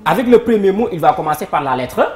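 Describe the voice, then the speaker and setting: A woman hosting a live word game on television talks fast in a lowish voice with big pitch swings. She's upbeat, cueing applause and greeting the viewers at home, recorded in an echoey studio with faint noise.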